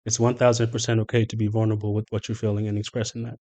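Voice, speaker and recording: A man guesting on a podcast, talking casually and earnestly, often pausing to think with fillers. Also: on the low side, little pitch movement, dark tone. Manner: thoughtful, earnest, with frequent fillers and exclamations.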